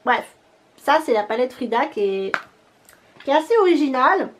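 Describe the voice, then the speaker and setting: A woman's voice: high voice, animated, moderate pace, slight background noise. A woman chatting casually in a beauty haul vlog, rambling with hesitant fillers and laughing at herself. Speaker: beauty vlogger.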